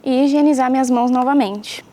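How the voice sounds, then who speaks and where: High-voiced woman teaching science. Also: fairly quick, dark tone. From Brazil. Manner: clear, patient explaining with questions to pupils. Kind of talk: home-schooling science lesson to camera.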